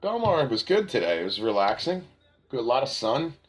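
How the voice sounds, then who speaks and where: A podcast host from Pennsylvania tells animated stories in casual conversation, slipping into quoted voices. He speaks briskly in a mid-range voice, and the recording quality is low.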